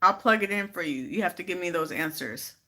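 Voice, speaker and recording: Bright-voiced woman hosting a live stream. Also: fairly low pitch, lively intonation, fairly quick. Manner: exasperated, repeating questions to a viewer. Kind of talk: casual live stream chat with viewers. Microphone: phone.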